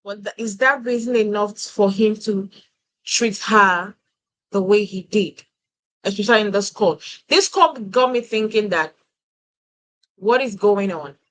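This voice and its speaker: A woman's voice: medium pitch, measured pace, a bit bright, rough recording. A woman on a reality TV review panel, talking earnestly and reasoning through her points with repeated words. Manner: earnest, reasoning aloud with repetitions. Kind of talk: casual reality TV review chat.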